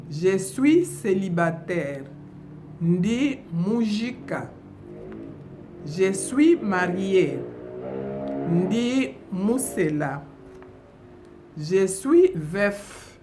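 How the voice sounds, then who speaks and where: A woman from DR Congo teaching a bilingual vocabulary lesson, saying each phrase slowly and deliberately and repeating it. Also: medium pitch, darkish tone, a little hiss or hum. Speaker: language teacher.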